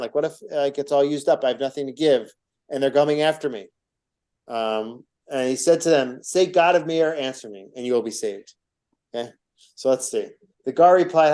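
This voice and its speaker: A man's voice: a little high, warm tone. A man teaching a class, retelling an old story informally with many restarts, asides and self-corrections. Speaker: teacher of a class on rabbinic stories.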